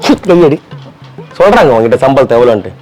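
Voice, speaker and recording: A man doing a comic couple sketch, teasing and mock-accusing his partner with quick retorts. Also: mid-range voice, sing-song, darkish tone, faint music behind.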